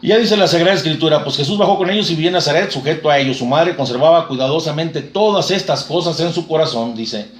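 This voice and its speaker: A man's voice: a little high, fast talker, few pauses, reverberant. A man preaching a sermon, retelling scripture in a fervent storytelling manner.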